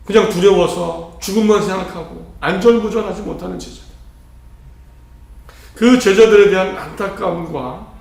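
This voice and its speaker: A man's voice: high voice, gravelly. A male pastor delivering an earnest sermon, asking rhetorical questions and shifting his emphasis often. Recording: heavy church reverb.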